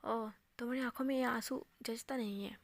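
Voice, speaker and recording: A woman voicing a cold, scornful young man who taunts the one he secretly loves, speaking softly in a half-whisper. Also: on the high side, steady tone, a little fast, no echo.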